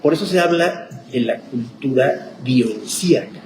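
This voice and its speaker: Pastor teaching in an echoey room. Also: male voice, mid-range voice, expressive, unhurried. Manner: thinks aloud, restarts words, checks in with listeners. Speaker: pastor teaching a Bible class. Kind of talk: conversational classroom lecture. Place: church classroom. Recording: echoey room with clear background noise.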